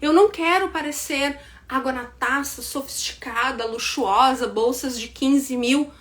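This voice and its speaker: A woman with a southern Brazilian gaúcho accent teaching an online business class to women, direct and insistent, checking in with "tá?" and mimicking excuses in a quick higher voice. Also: a bit bright. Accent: southern Brazilian, Rio Grande do Sul. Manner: direct, repeats points with "tá?" check-ins. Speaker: business mentor.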